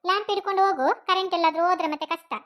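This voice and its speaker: A woman's voice: very high-pitched, steady tone, very fast, fairly bright tone. A woman voicing a worried, protective mother with a Mangalore Kannada accent, fussing over and scolding her young son.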